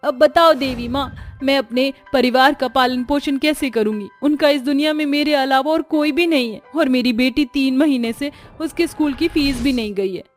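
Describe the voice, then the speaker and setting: A woman doing a poor young bangle seller, high and bright voice, earnest, kind, cartoon story. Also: animated, normal speed, soft background music. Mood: pleading. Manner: bright, earnest, street-vendor calls.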